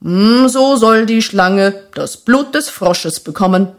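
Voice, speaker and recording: A woman voicing the Great Spirit of a fable, measured and solemn as a wise father figure. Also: medium pitch, lightly acted.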